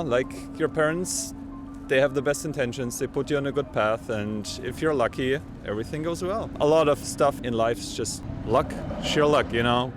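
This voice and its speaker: Chill guy giving life advice on the street, lots of "you know", music playing behind. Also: medium pitch. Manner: relaxed, reflective, many fillers. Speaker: interviewee. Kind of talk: street interview. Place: outdoors in a city.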